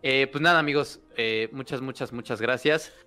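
A man's voice: mid-range voice, normal speed, bright, forceful tone, clean tone, faint music behind. A man with a Mexican accent, hosting a livestream and wrapping up in casual chat full of fillers. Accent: Mexican Spanish. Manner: upbeat, filler-heavy wrap-up talk. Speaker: streamer host.

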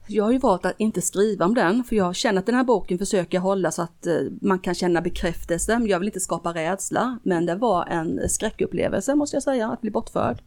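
A woman's voice: mid-range voice, few pauses, darkish tone. A middle-aged woman, a guest, telling a personal story earnestly in casual conversation, with frequent restarts. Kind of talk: casual interview talk.

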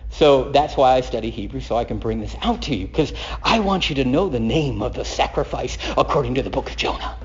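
A man teaching through the Bible as a sermon, reading scripture dramatically and drawing out Hebrew words slowly. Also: mid-range voice. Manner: expressive, reads scripture dramatically, draws out words; reads Hebrew aloud slowly. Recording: dull lo-fi podcast recording.

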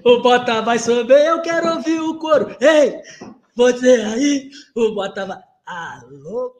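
A man shouting a football fan chant in a video sent in by fans. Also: very high-pitched.

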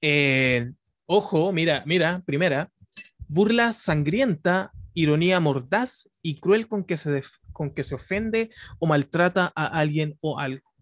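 A man's voice: a little high, lively intonation, measured pace, no echo, clean studio sound. A Chilean man co-hosting a podcast, joking and teasing his partner and reading definitions aloud. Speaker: podcast co-host. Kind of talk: casual podcast banter.

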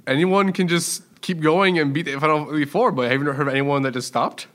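A man in a casual chat who defends his habits in a deadpan way. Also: a little high, a little fast. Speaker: podcast co-host.

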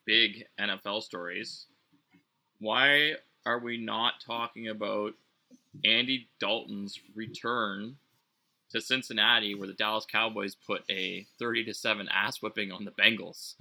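Low, bright-toned teasing young man. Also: steady tone, measured pace, gravelly. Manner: teasing, asks loose questions with lots of "like". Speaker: podcast co-host. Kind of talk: casual sports chat.

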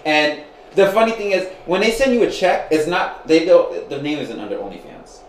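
A man in his twenties hosting a casual chat, animated, gossipy and joking. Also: a little high, moderate pace, reverberant, slight background noise, rough recording. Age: 20s. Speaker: podcast host.

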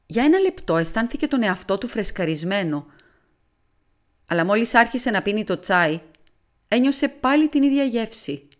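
A woman reading a classic novel aloud as an audiobook, in an expressive, dramatic narration. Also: lowish voice. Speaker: audiobook reader. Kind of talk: scripted literary narration.

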